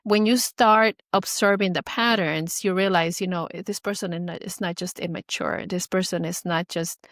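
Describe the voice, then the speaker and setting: A woman hosting a podcast, speaking gently and reassuringly to her co-host and her listeners. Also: fairly low pitch, steady tone, moderate pace, few pauses, no echo, clean studio sound. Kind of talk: supportive podcast conversation.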